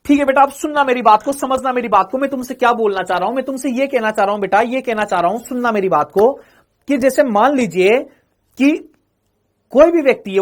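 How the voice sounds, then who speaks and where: A male physics teacher with a notably high-pitched voice gives an exam-prep lecture. He keeps asking the class questions, calls them "beta", then answers the questions himself. He repeats each phrase two or three times.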